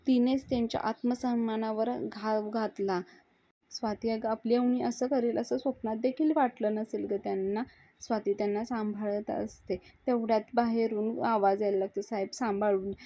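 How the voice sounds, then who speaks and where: A woman serial reviewer narrating an episode recap in a steady storytelling manner. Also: on the high side, dry recording. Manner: storytelling, steady retelling of scenes.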